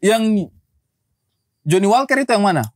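A man's voice: sits high, expressive, normal speed, no room sound, studio quality. A man who keeps asking curious questions in a casual group chat.

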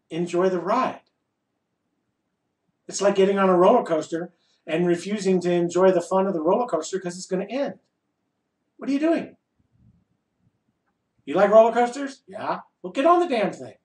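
An informal spiritual talk comes from a high-voiced man acting as teacher at a group satsang, his tone wry, emphatic, and playful. He speaks in brief phrases with purposeful pauses, raising rhetorical questions and supplying the answers, recorded in an echoey room with the mic some distance off.

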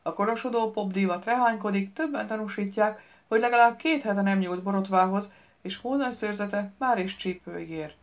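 Wry woman reading an audiobook. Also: mid-range voice. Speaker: audiobook narrator. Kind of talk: first-person novel reading. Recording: slightly dull lo-fi recording.

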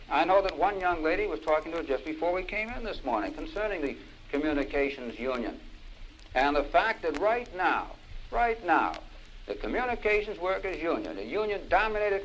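A man's voice: fairly high pitch, fairly bright tone, a little hiss or hum, low-quality recording. A man giving an impassioned political lecture, stressing his points by repeating key phrases, heard from an old vinyl record. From United States.

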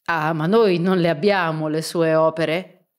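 Woman reader as courteous scholar, audiobook, slow and explanatory. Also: deep voice, fairly even intonation. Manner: polite, explanatory. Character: courteous learned male librarian professor.

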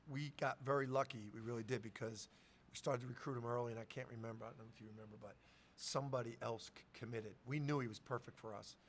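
Seated at a table mic before a sponsor backdrop, a middle-aged head coach fields post-game questions conversationally, frequently restarting and repeating words at the start of his sentences. He talks fast at a medium pitch with fairly even intonation, over slight background noise.

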